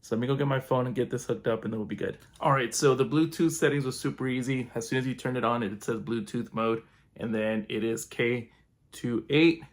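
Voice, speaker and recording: A man giving a relaxed, chatty product review at home, walking through features. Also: medium pitch, a little fast. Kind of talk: casual unboxing review.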